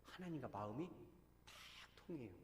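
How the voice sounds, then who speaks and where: A man's voice: mid-range voice, expressive, moderate pace. A man, a pastor, preaching a sermon to his congregation, often asking them questions and acting out the voices of people in the story. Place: church sanctuary. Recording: echoey church hall.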